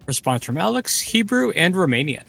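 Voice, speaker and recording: A man with a bright, forward voice reads a guest's typed messages aloud on a podcast. He pitches a little higher than most men and follows each message with short, casual remarks of his own. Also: very animated, moderate pace, creaky, soft background music. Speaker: co-host reading out a developer's chat comments.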